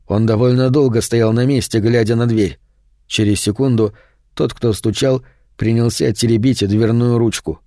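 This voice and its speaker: Male narrator, audiobook reading, measured storytelling, warm low tone, dry recording. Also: steady tone, no echo. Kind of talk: scripted narration.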